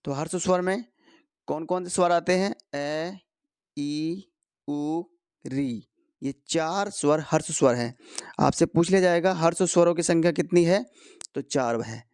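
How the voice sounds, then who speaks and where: A man teaching Hindi grammar to exam students, going slowly, posing questions and answering them himself. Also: fairly high pitch, darkish tone, smooth, no room sound, studio quality. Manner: slow, repeats key answers, asks and answers his own questions. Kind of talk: explanatory lesson for competitive exam students.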